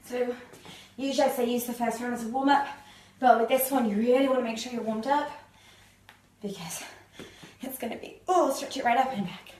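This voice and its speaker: Woman coaching a home workout, higher voice, bit out of breath, roomy echo. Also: fairly quick, darkish tone, a little hiss or hum. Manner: chatty, laughing at her own slips, demonstrating moves. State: a little out of breath. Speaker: fitness instructor. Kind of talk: live workout instruction. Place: living room.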